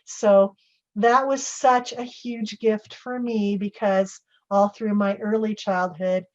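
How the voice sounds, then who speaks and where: A woman's voice: mid-range voice, fairly even intonation, slow, a little mellow. A middle-aged woman on a panel, telling a personal story in an earnest, conversational way and quoting others as she goes. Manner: earnest, conversational, with restarts and quoted dialogue. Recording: slightly muffled recording.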